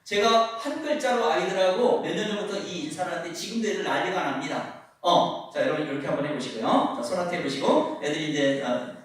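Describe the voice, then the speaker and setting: A man in his fifties, a teacher and pastor, giving a lively seminar talk to parents in a church and acting out kids' greetings as he goes. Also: high voice, brisk. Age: 50s. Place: church hall. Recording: echoey hall from far off.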